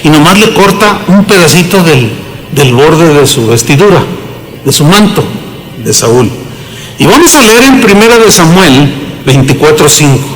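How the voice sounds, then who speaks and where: A man's voice: on the high side, a little slow, low-quality recording. A man preaching a sermon with a Mexican Spanish accent, acting out the dialogue in the stories he tells. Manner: animated storytelling, acting out dialogue. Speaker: pastor.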